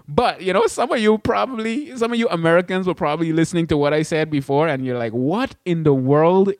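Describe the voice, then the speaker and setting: Caribbean-born guy chatting on his podcast, kinda high voice, dry close sound. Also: fast, dry recording. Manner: chatty, with frequent restarts and asides. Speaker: podcast host. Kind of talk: casual podcast talk. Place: indoors away from his studio.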